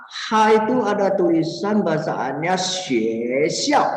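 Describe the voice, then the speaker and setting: A man teaching a vocabulary lesson in a patient, step-by-step way, his pitch rising and falling a lot. He speaks slowly and is a little distant from the mic. The room adds a long, hollow reverb. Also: very animated, a little hiss or hum. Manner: slow, explanatory, frequent "ya" tags. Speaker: Mandarin teacher. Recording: echoey room, voice a bit distant.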